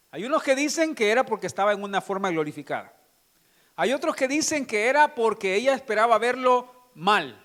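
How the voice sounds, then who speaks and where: A pastor preaching a sermon, reading scripture and asking the congregation questions. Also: male voice, high-pitched, a bit bright.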